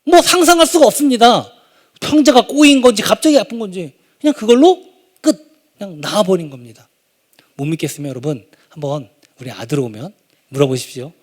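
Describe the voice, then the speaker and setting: An animated pastor in his thirties gives a sermon in a high, lively voice. He drops to near-murmurs, then bursts out loud. The talk is full of stories from his own family life. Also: brisk. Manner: animated, swings from quiet asides to loud exclamations. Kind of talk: sermon with personal story. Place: church sanctuary.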